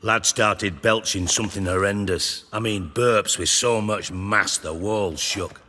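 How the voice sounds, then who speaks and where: In video game dialogue, an actor plays a sardonic, foul-mouthed male crime boss who is irritable and self-important, speaking in a clipped way. His voice sits on the low side, a little slow, bright and forceful, with slight background noise. He sounds dry and irritated.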